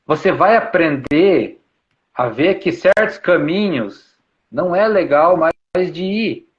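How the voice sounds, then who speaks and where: A man's voice: a little high, expressive, takes it slowly. A man giving an informal spiritual talk, explaining patiently and repeating himself, with frequent tag questions. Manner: repetitive, explanatory, uses many tag questions. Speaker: spiritual speaker. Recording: dull lo-fi sound.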